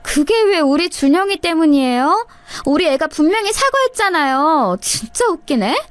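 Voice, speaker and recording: A woman's voice: very high-pitched, big pitch swings, moderate pace, dry recording, voice pushed up. A woman voicing a snide, scheming younger sister-in-law who talks in a mocking, sneering way in a radio-style story.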